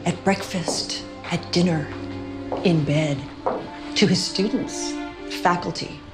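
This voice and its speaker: An actress playing a bitter, sardonic widow in a TV drama, scornful and cutting with disappointment. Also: female voice, lowish voice, fairly even intonation, takes it slowly, music in the background. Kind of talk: naturalistic TV drama acting.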